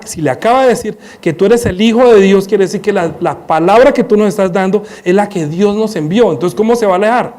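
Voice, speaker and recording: A man preaching a sermon in church on a headset mic, animated, acting out scenes and firing rhetorical questions. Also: sits high.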